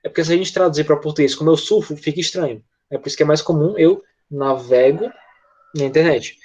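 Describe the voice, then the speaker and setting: An online English teacher, male and Brazilian-accented, has students repeat after him patiently and frequently tosses in quick tag questions. His voice is a little high, a little mellow, and husky, and the audio sounds dull.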